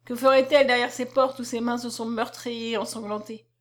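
A woman's voice: fairly high pitch, flat delivery, fairly quick, close to an everyday voice. A woman reading aloud, voicing an anguished young man who defiantly claims his beloved. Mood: impassioned.

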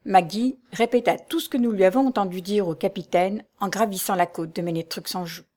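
A woman narrating a novel in an even, measured reading. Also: mid-range voice. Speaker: audiobook narrator.

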